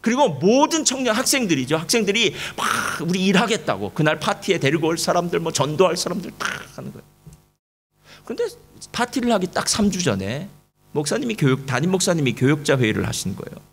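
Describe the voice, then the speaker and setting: A man preaching a sermon to a church congregation, telling a story with lively asides and rhetorical questions to the listeners. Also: high-pitched, a little fast, husky. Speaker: pastor. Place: church service.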